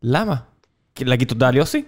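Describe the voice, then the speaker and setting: Lively man, teasing questions. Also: mid-range voice. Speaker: podcast co-host. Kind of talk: casual sports banter.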